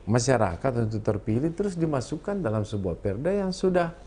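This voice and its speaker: A man with a South Sulawesi Indonesian accent speaks in a mellow, warm tone on a political talk show. He lectures earnestly, setting out his points in ordered lists. Faint noise hums behind him. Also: medium pitch, sing-song, fairly quick. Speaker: political party campaign official, guest.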